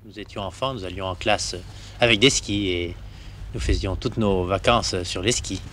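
Low bright-voiced man reminiscing. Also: normal speed, slight background noise. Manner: reminiscing, plain-spoken. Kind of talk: interview recollection.

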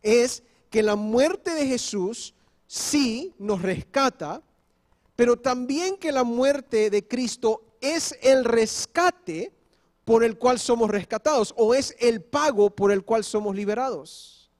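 High-voiced pastor preaching a sermon. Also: male voice, slow, darkish tone. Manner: explains step by step, often checking in with "¿ok?"; switches briefly into English. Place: church.

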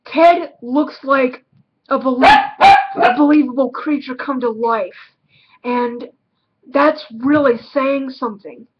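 High-voiced woman giving a blunt review. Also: takes it slowly, muffled recording, noisy background. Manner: blunt, emphatic, repeats words for stress. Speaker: film reviewer. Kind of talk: casual video film review.

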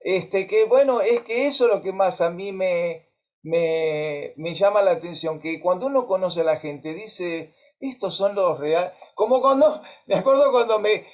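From his home music room, a musician in his fifties from Argentina hosts a casual video call, his Argentine Spanish accent coloring lively stories full of fillers and restarts. His voice sits high and unhurried. The webcam audio sounds dull and lo-fi.

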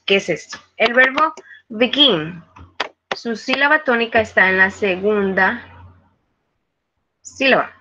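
A woman's voice: on the high side, a little slow, long pauses, bright, forceful tone, highs cut off, slight background noise. A woman, a virtual tutor giving a live online class, explaining patiently with frequent hesitations. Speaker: virtual tutor teaching English.

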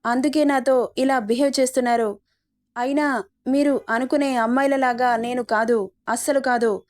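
A woman gives voice to a defiant young student heroine in a romance story, scolding and indignant. The voice sits fairly high. She stands her ground and lectures. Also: fairly even intonation, moderate pace, a little mellow, close to an everyday voice.

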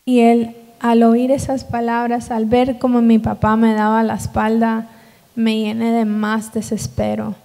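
Halting woman giving a church testimony. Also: fairly high pitch, monotone, gravelly, warm tone. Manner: halting, with fillers and restarts. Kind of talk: personal testimony. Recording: church hall reverb.

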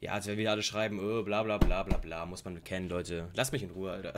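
A man hosting a casual reaction video to a rap track, full of slang, jumping between loud outbursts and low mutters. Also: little pitch movement, quick pace, music in the background. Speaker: YouTube reaction host.

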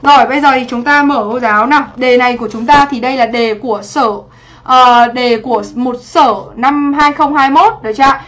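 A woman English teacher conducts a livestream exam review, addressing viewers by name in a chatty style and checking after every point whether they follow along. Her high voice keeps a steady tone, fairly quick and fairly bright.

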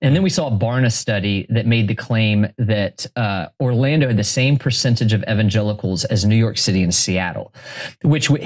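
A man from Florida, a pastor and author, talking as a guest in a casual interview and telling stories with quick asides. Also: lowish voice. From Florida, USA. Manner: animated storyteller, quick asides, self-correcting.

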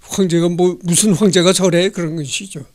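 A man's voice: sits high, steady tone, moderate pace, darkish tone. A man in his sixties hosting a history channel, reading a text aloud and commenting on it in a chatty, digressive way with many rhetorical questions, holding a handheld microphone indoors. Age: 60s. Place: indoor home studio.

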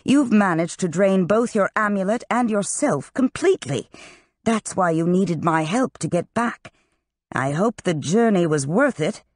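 An audiobook narrator voicing a stern, sardonic male wizard master who walks with canes, raising the pitch for his lines. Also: expressive, unhurried, dry recording, studio quality. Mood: scolding. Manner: cutting, scolding.

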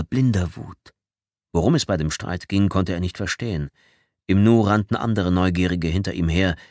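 A male reader tells the story in a low, even voice with a measured, dramatic pull. It is a clean studio audiobook recording, very dry and close to the microphone. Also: no room sound. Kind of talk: scripted audiobook narration.

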